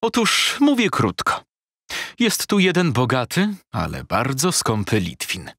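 Man doing a sly shabby lawyer, husky, sugary and pushy, leaps up high when pleading, dry close sound. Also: huge pitch swings, unhurried, fairly bright tone, no room sound, full character voice. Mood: wheedling. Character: shabby fawning male lawyer, middle-aged, sly haggler.

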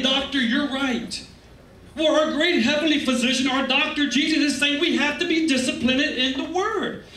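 With an extremely high, slightly bright voice, a middle-aged pastor preaches emphatically yet conversationally, speaking aside to the congregation now and then. The recording comes from a camera placed far back in an echoey, medium-sized indoor church hall, where he holds a handheld mic on stage.

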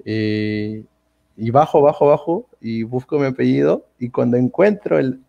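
Man with a gravelly voice. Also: mid-range voice, unhurried, lo-fi sound. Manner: animated retelling full of quoted dialogue. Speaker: guest. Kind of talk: casual storytelling interview.

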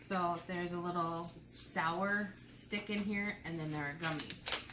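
Seated at a home table, a woman in her thirties reviews candy alongside her child, talking slowly in a fairly low voice. She keeps things casual, explaining and posing easy questions to the kid. The sound is roomy and noisy, captured on a phone camera indoors.

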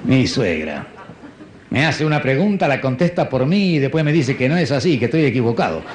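A man performing a stand-up comedy monologue in a dry, understated deadpan manner. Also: medium pitch, brisk, a loud crowd. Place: stage before a live audience. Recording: live show with audience and faint noise.

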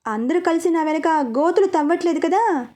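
A woman voicing a sharp-tongued, suspicious young woman who is an elder sister in a story. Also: very high-pitched, animated, moderate pace.

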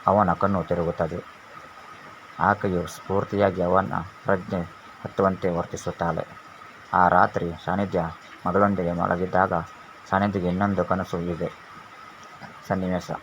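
A male storyteller reads a serial novel in a very deep, monotone voice. His reading is measured and unhurried. The sound is dull and lo-fi, with a faint hiss underneath. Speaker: narrator. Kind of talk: storybook narration.

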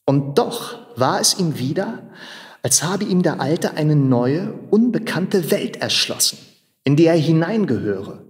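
A man giving a theatrical literary reading, telling the story in a measured, expressive way. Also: on the high side. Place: large machine workshop hall in a theater. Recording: long reverb of a large hall.

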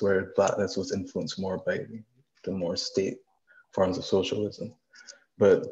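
Young man, low voice, relaxed and chatty, dull lo-fi video-call sound. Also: slight background noise. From Barbados. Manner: relaxed, chatty with fillers and small laughs. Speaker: audience participant. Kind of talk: casual discussion.

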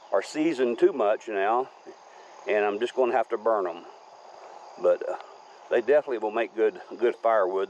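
A little mellow and on the low side, a man's voice rambles in a relaxed, folksy manner as he films a walk around his rural wooded homestead with a handheld camera. Crickets, insects, and slight background noise sit under the slightly dull outdoor audio.

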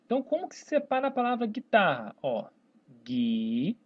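Brazilian accent, whiteboard grammar lesson, slow syllable-by-syllable words, a dull lo-fi sound. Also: medium pitch, huge pitch swings, slightly rough. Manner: stretches words out slowly syllable by syllable, tags lines with "né?" and "tá, pessoal?". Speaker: Portuguese teacher. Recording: dull lo-fi recording.

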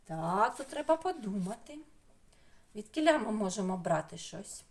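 A woman's voice: mid-range voice, sing-song, moderate pace. A woman with a Ukrainian accent teaching young children online, stretching out syllables in a sing-song way. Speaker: preschool teacher.

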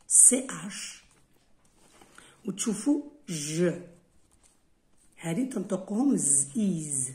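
A woman English teacher with an Algerian Arabic accent and a mid-range, darkish voice walks through an exam correction step by step, switching between Arabic and English.

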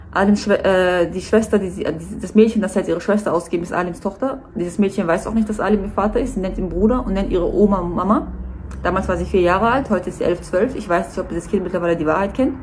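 A woman's voice: medium pitch, a little mellow, slight background noise. A nervous woman giving a personal statement to camera, earnest and hesitant.

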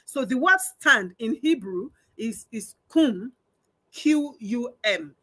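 A woman's voice: on the high side, expressive, slow pace, sharp tone, breathy edge. A woman preaching a sermon, emphatic and repeating phrases for emphasis. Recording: online church stream.

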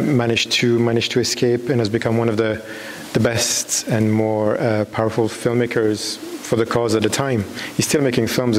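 A thirty-something Belgian documentary filmmaker answers off the cuff at a public talk, standing on stage in a large dark hall with an audience. He gropes for words and restarts his sentences repeatedly, his pitch in the middle of the male range, while long reverb and a clear hiss fill the recording.

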